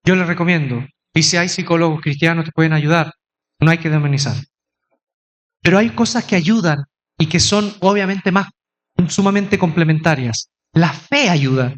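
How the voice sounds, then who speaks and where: A man's voice: on the high side, normal speed. A middle-aged man, preaching a sermon in a conversational way, mixing teaching with playful mimicry.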